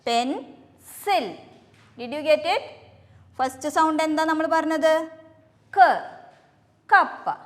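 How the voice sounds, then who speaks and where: A woman with a Malayali English accent teaching phonics to young children, slowly spelling words letter by letter and quizzing the class. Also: high-pitched, a bit bright, big-room sound. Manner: slow, patient, spells out words letter by letter and asks questions. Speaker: kindergarten teacher.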